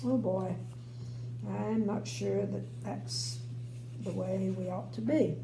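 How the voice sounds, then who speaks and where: A woman's voice: mid-range voice, fairly even intonation, slow, creaky. An older woman, a grandmother, reading a children's story aloud with folksy, chatty asides. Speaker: grandmother reading bedtime stories. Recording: roomy home recording, faint hum.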